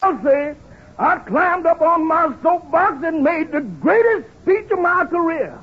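An actor playing a bombastic, excitable scheming man in a 1950s radio comedy, declaiming and repeating himself. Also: very high-pitched, a little slow, faint music behind, full character voice. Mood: pompous. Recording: muffled, noisy old radio recording.

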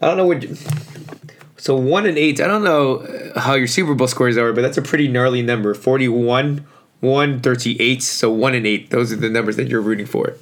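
A man hosting a casual sports podcast in slangy, informal talk, his voice hoarse and worn out as if from yelling. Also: mid-range voice, normal speed. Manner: informal, slangy, mildly profane. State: hoarse, voice shot from overuse. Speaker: podcast host.

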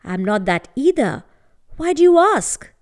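A woman storyteller plays a young horseman from a folk tale. He sounds puzzled and abashed, answering emphatically and with surprise in a fairly high voice. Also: big pitch swings, measured pace. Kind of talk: acted storytelling dialogue.

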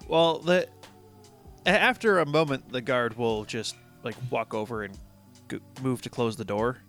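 A man narrating as game master in a tabletop game, with a relaxed, chatty way of talking. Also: mid-range voice, normal speed, faint music behind. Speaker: dungeon master.

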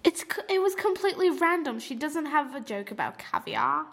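A woman's voice: high voice, sing-song, moderate pace, vocal fry, a bit bright. A woman playing the guest in a silly mock interview, giving playful, mock-grand answers. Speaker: podcast co-host answering as the guest.

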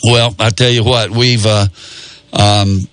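A man's voice: lowish voice, level tone, a bit bright, clean tone, no room sound. A man hosting a radio show in a studio, talking in a folksy, rambling way. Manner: folksy, rambling with many pauses. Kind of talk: casual radio talk. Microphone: studio microphone.

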